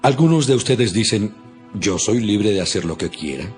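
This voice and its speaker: An actor playing an earnest, stern apostle in a dramatized audio Bible, with solemn, emphatic, preacherly delivery. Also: male voice, lowish voice, expressive, moderate pace, a little mellow, natural voice. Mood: solemn, admonishing. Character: apostle Paul, earnest, stern male preacher to his flock. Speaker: Bible reader voicing the apostle Paul. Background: music behind the voice.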